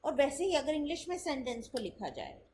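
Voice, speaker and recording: A woman teaching spoken English in a lesson, explaining step by step in Hindi mixed with English and saying sample sentences slowly to show the contrast. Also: high voice, very animated, a little mellow, a little hiss or hum, rough recording.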